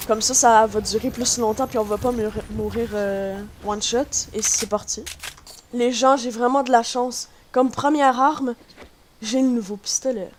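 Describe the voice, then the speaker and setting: A woman with a Quebec French accent giving chatty, excitable commentary on her gameplay to her viewers. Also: on the high side. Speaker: gaming YouTuber. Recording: noisy home recording.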